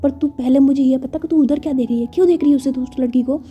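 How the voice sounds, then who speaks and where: Jealous hotheaded girl snapping insults, read by a woman, high quick voice, mellow tone, soft music behind. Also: steady tone, lightly acted. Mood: angry. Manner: rude, quick to shout. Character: jealous hot-tempered young woman, Simran.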